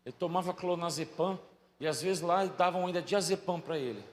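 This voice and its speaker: A middle-aged man, preaching a sermon as a pastor, telling stories that swing from soft asides to loud bursts. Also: sits high, brisk. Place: large church hall. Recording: echoey hall with faint ambience.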